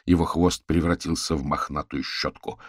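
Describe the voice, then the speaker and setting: A man narrating an audiobook in a steady, even reading voice. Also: very deep voice, moderate pace, breathy edge, no echo, clean studio sound.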